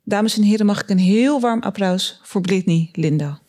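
A woman's voice: medium pitch, moderate pace, dark tone. A woman host thanking her guests and formally introducing the next performer. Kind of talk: stage presenting.

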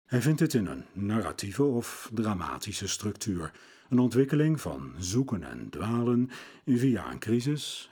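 Husky-voiced man narrating with lively intonation. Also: on the low side. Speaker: podcast presenter on music. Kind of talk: scripted narration.

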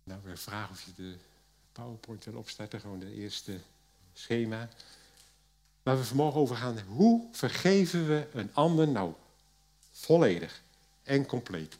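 A man preaching a sermon, retelling a story in a lively way that swings between loud and hushed, with hesitant pauses. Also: medium pitch.

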